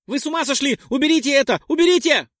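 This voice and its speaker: A man voicing a hysterical young man who yells in panic. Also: very high voice, fast, no room sound, clean studio sound, pitched above the performer's own voice. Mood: panicked. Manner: shrieking, frantic yelling.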